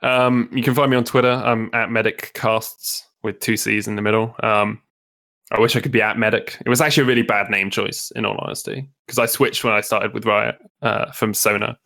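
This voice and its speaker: A man's voice: on the low side, little pitch movement, a little fast, vocal fry, bright, forceful tone. A man, a guest esports caster, talking casually at length in a podcast interview, often restarting his sentences. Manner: chatty, explains at length with many restarts.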